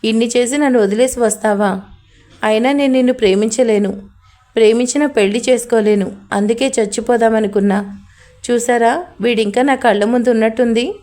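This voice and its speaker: This is a despairing young woman, drunk and close to tears, as a woman narrator puts her on. She pleads in a slurred, tearful way, her voice sitting a little high. It belongs to a spoken love story. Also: steady tone, brisk, mellow, natural voice.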